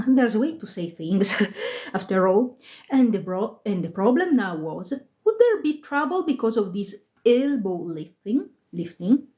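A woman's voice: fairly high pitch, a little mellow. A woman reading a ghost story aloud on a live stream, with small slips and casual asides to her viewers. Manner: reads aloud with occasional slips, laughs and comments. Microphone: phone.

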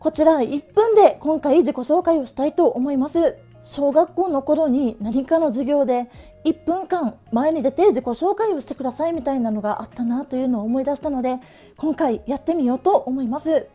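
A woman's voice: sits high, expressive, moderate pace, dark tone, faint music behind. A woman in her late thirties with a Tokushima Awa-dialect accent, chatting cheerfully to camera in a stationery vlog and laughing often. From Tokushima, Japan. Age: late 30s. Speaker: stationery vlogger. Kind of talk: casual chat to camera.

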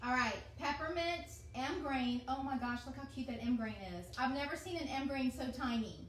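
A woman gushes over each item she unboxes, her voice sitting a little high. She sounds some distance from the phone, and the kitchen around her is echoey with a faint hum of room noise. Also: normal speed. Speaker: host of an essential oils unboxing. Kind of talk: casual unboxing chat on a livestream. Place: home kitchen, indoors. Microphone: phone camera across the counter.

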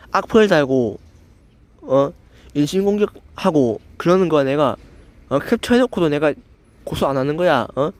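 The channel host, a young man with a slightly high voice, goes on a stammering, furious rant against a commenter. He slurs a bit, curses, picks fights, and leans on the filler "eo" nonstop.

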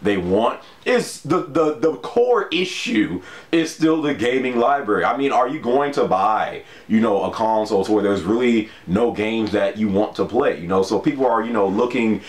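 A man with a lowish, expressive voice talks at a normal speed in a roomy-sounding space, casually vlogging to camera about video games. He's laid-back and chats loosely, laughing often and dropping plenty of fillers like "you know."

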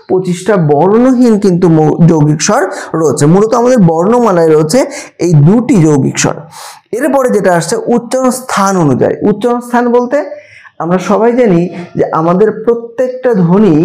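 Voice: mid-range voice, mellow. A teacher in an exam-prep grammar lesson, explaining step by step and answering their own questions.

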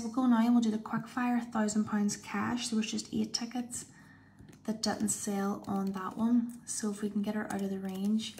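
A woman with a medium-pitched, slightly mellow voice hosts a live online prize draw, calling out numbers and winners the way a bingo caller would. She's indoors, and the clip films a tablet screen. Background noise is clearly audible.

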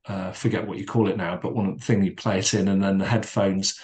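A middle-aged man, a podcast guest, reflecting calmly in conversation with frequent fillers and restarts. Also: deep voice. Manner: calm, measured, with many restarts and fillers.

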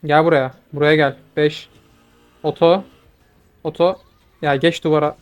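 A young man giving quick, excitable commentary over his own gameplay, swearing when frustrated. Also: on the high side, faint music behind. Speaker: gaming video creator.

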